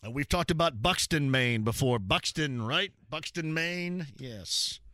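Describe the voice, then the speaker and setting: A man's voice: medium pitch, expressive, a little slow, pushed and bright, dry recording, studio quality. A man hosting a call-in sports radio show, chatting and joking with callers and laughing often.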